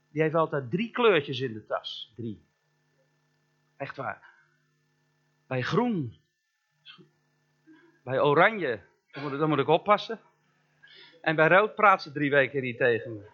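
A man preaching a sermon as a pastor, chatty and joking, asking the congregation questions and slowing down to stress key words. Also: fairly high pitch, lo-fi sound. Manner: conversational and joking, asks the listener questions.

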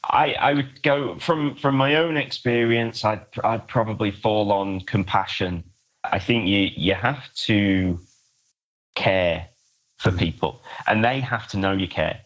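A man's voice: on the low side, takes it slowly, a bit bright. A man giving an informal, reflective answer as an interview guest. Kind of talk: conversational discussion. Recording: dull lo-fi audio.

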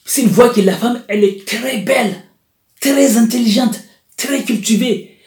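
A man giving a self-help coaching talk as a therapist, with repetitive, deliberate phrasing. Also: very high voice, vocal fry, a little mellow. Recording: roomy echo.

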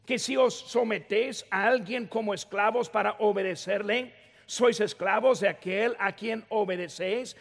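A man's voice: very high voice, creaky. A middle-aged man preaching a sermon as pastor, addressing the congregation with rising emphasis. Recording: long hall reverb.

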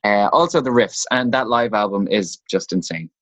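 A man's voice: on the low side, moderate pace, noisy background. Joking male podcast co-host. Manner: joking, animated, many restarts. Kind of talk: casual chat.

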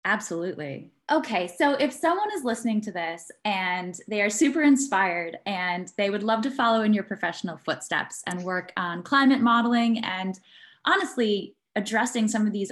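A woman's voice: medium pitch, expressive, moderate pace. A woman hosting an interview, giving brief friendly replies and laughing along. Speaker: podcast host.

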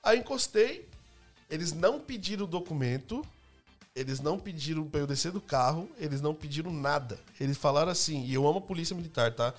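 A young man telling personal stories in a casual podcast chat, lively, laughing, and acting out the people he quotes. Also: fairly high pitch, brisk, soft background music. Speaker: youtuber and podcast guest.

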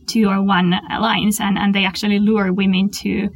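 Gravelly, flat-toned woman panelist. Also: medium pitch, normal speed, no echo. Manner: earnest, repeats words while thinking. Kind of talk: panel discussion on a call.

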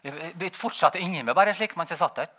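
A man giving a rambling, animated personal testimony, laughing as he tells it. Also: on the high side. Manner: animated, rambling, frequent "vet du" tag; laughs while telling. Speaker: testimony speaker.

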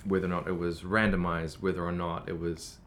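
A man's voice: low voice, little pitch movement, fairly quick, a bit bright, slight background noise. A man speaking as a guest in a casual podcast conversation about medical research, thoughtful and full of "you know" fillers.

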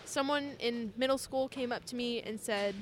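A young woman in her twenties with a slightly high voice, chatting casually as a convention guest. She tells stories with playful, deadpan jokes and an easy laugh. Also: normal speed. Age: 20s. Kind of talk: casual chat.

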